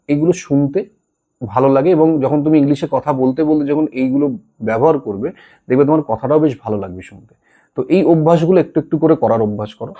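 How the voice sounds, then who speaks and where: Male tutor, warm low-key tone, patient and reassuring lesson delivery. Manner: reassuring, repeats "ঠিক আছে?" to check in. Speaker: English tutor. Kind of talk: spoken English lesson.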